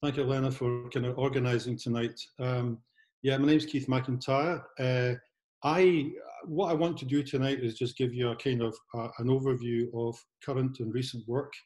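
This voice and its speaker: A Scottish man in his fifties, an artist giving a casual talk over a video call from a large studio, speaking haltingly with many restarts. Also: medium pitch, fairly even intonation, darkish tone, poor audio. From Scotland. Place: large converted church studio, indoors. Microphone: laptop camera, video call.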